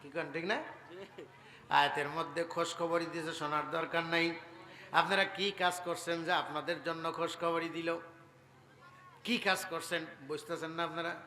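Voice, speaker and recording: A man preaching a storytelling sermon. He swings dramatically between soft narration and loud cries, and breaks into chanted verses. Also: fairly high pitch, little pitch movement, moderate pace, pauses often. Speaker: Islamic preacher. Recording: echoey public-address sound in a large venue.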